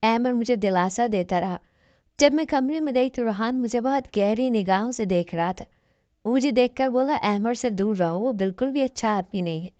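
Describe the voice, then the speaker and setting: A woman reading a first-person story aloud as a steady, even scripted narration. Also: on the high side, no echo.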